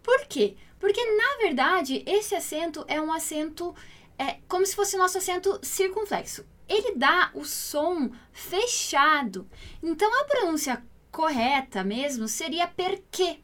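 A woman with a high voice teaches a language lesson in a patient, explanatory way. She grew up in Italy and slows right down to spell out each example phrase before explaining it. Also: lively intonation, a bit bright. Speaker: Italian teacher.

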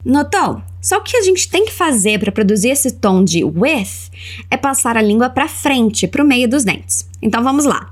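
A woman with a Brazilian accent teaching English in an audio lesson, saying model phrases slowly for the listener to repeat. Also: a little high, sing-song. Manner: slow, carefully spelled-out model phrases for repetition.

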